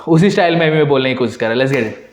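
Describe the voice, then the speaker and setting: A man hosting a music reaction video, chatting excitedly, switching between Hindi and English and repeating lyrics back. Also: medium pitch, fast. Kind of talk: casual reaction commentary. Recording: echoey room. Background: faint music.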